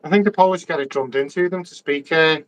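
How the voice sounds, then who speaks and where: A chatty man hosts a casual live stream and keeps an eye on the viewer chat as he talks. His voice sits a little higher than most men's and comes through a shotgun mic that catches the whole room. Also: fast talker, poor audio. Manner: chatty, reads the live chat aloud while talking. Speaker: livestream host. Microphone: shotgun mic that picks up the whole room. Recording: voice on a live call.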